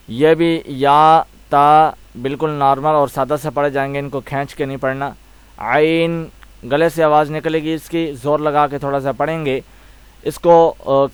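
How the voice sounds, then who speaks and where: A man's voice: on the high side, clean tone, dry recording. Patient man teaching Quran letter sounds. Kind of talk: step-by-step tajweed lesson.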